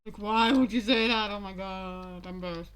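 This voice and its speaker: A woman's voice: mid-range voice, fairly even intonation, moderate pace, fairly bright tone, smooth. A young woman streamer giving casual, rambling commentary, often exasperated and swearing freely.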